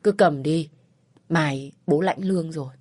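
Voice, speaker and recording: A worn-out working father, his voice choked and insistent, read by a woman narrator. The tone is low, dark and husky, with a dry close sound and faint music underneath. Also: a little slow. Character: weary, choked-up laboring father.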